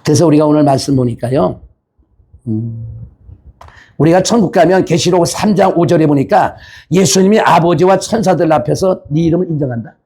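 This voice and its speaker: Male pastor, impassioned sermon and prayer in a church; husky, high-pitched. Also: brisk, mellow. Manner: impassioned, colloquial preaching.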